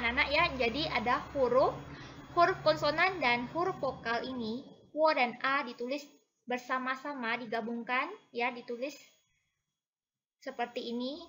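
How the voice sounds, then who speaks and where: A woman's voice: sits high, a little hiss or hum, rough recording. A woman teacher giving a recorded lesson to first graders. She is patient, keeps checking in with the kids, draws out the syllables she models, and switches between Indonesian and Mandarin. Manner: patient, repeats "ya" and "anak-anak" constantly; drawn-out, loud modeling of syllables. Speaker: primary school teacher.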